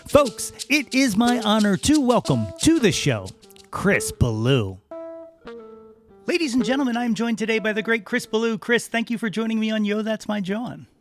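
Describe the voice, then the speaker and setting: A man hosting a casual podcast interview, talking eagerly and haltingly as a fan. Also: sits high, very animated, soft background music. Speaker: podcast host.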